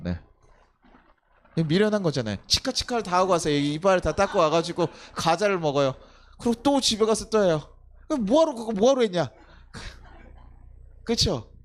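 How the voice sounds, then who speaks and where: High-voiced man preaching conversationally. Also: very animated, normal speed, long pauses. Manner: conversational, asks the congregation rhetorical questions; acts out scolding a child with loud outbursts. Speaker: pastor. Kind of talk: sermon.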